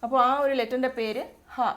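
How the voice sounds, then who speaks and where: A woman's voice: high-pitched, fairly even intonation, fairly quick. A woman with a Malayali accent teaching the Arabic alphabet step by step, patiently repeating each letter sound. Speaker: Arabic tutor.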